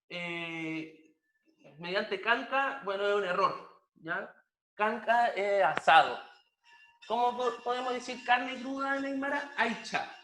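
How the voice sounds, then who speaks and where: A man teaching a language lesson slowly and patiently, repeating each word several times so that students can copy it. His voice sits fairly high for a man, and he is recorded in an echoey room. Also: sharp tone. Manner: slow, patient, repeats words and drills pronunciation.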